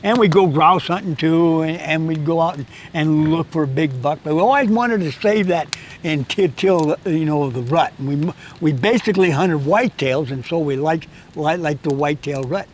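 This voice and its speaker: A man's voice: on the high side, normal speed, a little hiss or hum, poor audio. Stammering eighty-year-old outdoorsman. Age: 80s. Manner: rambling, stammers and repeats words. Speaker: interviewed guest, hunting guide. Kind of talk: casual storytelling chat. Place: outdoors in a canyon.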